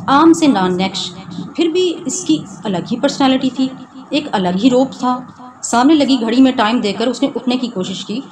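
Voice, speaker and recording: A woman reading a romance novel aloud in a steady storytelling manner. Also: medium pitch. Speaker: narrator. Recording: noisy background hiss.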